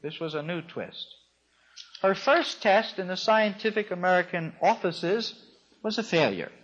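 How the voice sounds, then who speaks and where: Wry high-voiced man lecturing slowly. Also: expressive, fairly bright tone. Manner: wry, dryly amused storyteller. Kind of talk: storytelling lecture. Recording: dull lo-fi recording.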